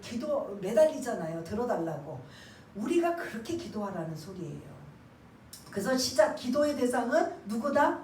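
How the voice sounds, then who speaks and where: A woman pastor giving a sermon. She asks the congregation questions and waits for their answers, and drops to a hushed voice when she acts out a prayer. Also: on the high side, sing-song, moderate pace, a little hiss or hum. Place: church sanctuary. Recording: echoey church room, mic at a distance.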